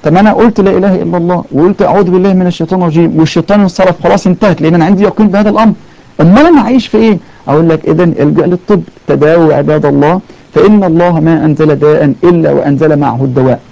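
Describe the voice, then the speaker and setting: A man's voice: fairly high pitch, steady tone, racing, vocal fry, warm tone. A man with an Egyptian accent preaching in colloquial Arabic, telling stories with emphatic repetitions and taking callers. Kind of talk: fervent colloquial sermon. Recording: dull lo-fi audio.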